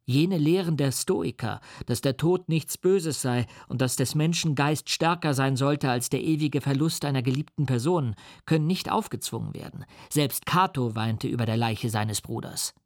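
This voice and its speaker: A man reading the part of a grieving young friend who speaks softly and earnestly to comfort another. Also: mid-range voice, moderate pace, hardly any pauses, dry recording, studio quality, close to an everyday voice. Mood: reflective. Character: grieving young male friend, gentle, consoling. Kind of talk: literary reading.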